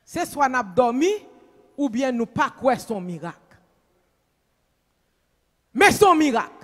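A middle-aged Haitian woman preaching a sermon in a church, shouting with emphasis into a handheld mic. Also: high voice, big pitch swings, takes it slowly. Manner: emphatic, shouting, switches between Creole and English. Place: church stage, indoors. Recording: long reverb in church hall.

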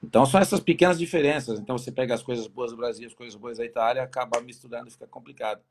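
A man's voice: medium pitch, racing. A man from Brazil with a Brazilian Portuguese accent, a football coach giving easygoing, rambling interview answers with many restarts.

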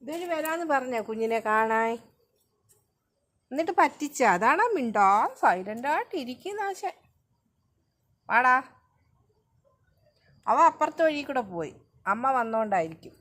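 A woman's voice: high-pitched, very animated, a little slow, long pauses, a bit bright. A woman filming her pet dog outdoors near her home gate, talking to it in coaxing, sing-song baby talk.

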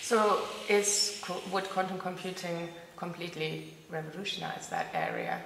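Woman interviewer, mid pitch with vocal fry, rephrases questions on the fly; roomy, echoing hall sound. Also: very animated, moderate pace. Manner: restarts questions mid-phrase. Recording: echoey hall, faint noise.

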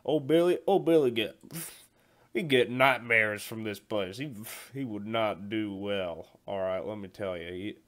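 A man's voice: on the low side, a little slow, a bit bright. A man playing a callous 40-year-old male night security guard who stammers, repeats himself and rambles in slangy talk during a comedy phone-call monologue. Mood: rambling. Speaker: comedy skit performer.

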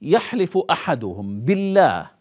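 Male tv presenter reading posts, fairly high voice, swings around a lot, stumbles and restarts sometimes. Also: sing-song, normal speed, a little mellow. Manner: emphatic, rising sharply when quoting posts; slips and restarts mid-phrase. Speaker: TV segment presenter. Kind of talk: reading out social media posts with commentary. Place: TV studio.

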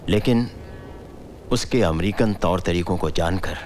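An actor playing a stern, commanding older father who speaks slowly and paternally in a film drama. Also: low-pitched, darkish tone, soft background music. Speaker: father-in-law figure, family patriarch.

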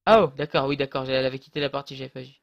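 A man's voice: mid-range voice, fairly even intonation, racing, gravelly, highs cut off. A man casually commentating his own online match, rambling and hesitant with many fillers and restarts, on a close desk mic.

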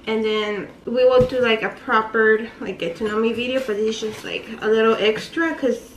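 A woman's voice: fairly high pitch, moderate pace. A woman hosting a casual couple vlog, chatty and laughing often as she asks questions. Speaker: vlogger host. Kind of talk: casual chat. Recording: echoey room, voice a bit far off, faint ambient noise.

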